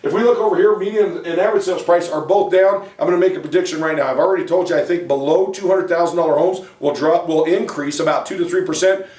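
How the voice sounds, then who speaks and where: A man's voice: fairly high pitch, quick pace, hardly any pauses, a little mellow. A man presenting a monthly real estate market update as a company president, folksy and emphatic, speaking straight to buyers. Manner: folksy and emphatic, joking between figures; walks through slides and addresses buyers directly. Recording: echoey room, mic at a distance.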